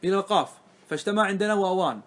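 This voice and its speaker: A man's voice: high voice, racing, a bit bright. A man teaching a grammar lesson to a class, explaining step by step and often stopping to check that students follow.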